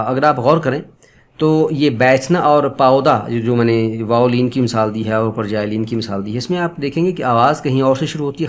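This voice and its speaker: A man giving an online pronunciation lesson, explaining patiently and repeating example sounds slowly, politely addressing viewers as friends. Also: mid-range voice. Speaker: Urdu pronunciation teacher.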